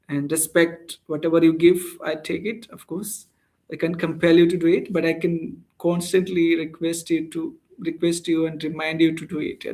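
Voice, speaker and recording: A man's voice: fairly high pitch, darkish tone. A young man from India with an Indian English accent, chatting casually with viewers as an English-speaking coach on a live stream and reading their comments aloud.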